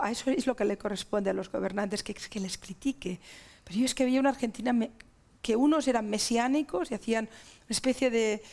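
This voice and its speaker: Middle-aged Spanish-accented woman, TV interview guest, raised pitch, fry in the voice, emphatic and listing. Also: darkish tone. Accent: Spanish (Spain). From Spain. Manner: emphatic, listing ideas in long chains.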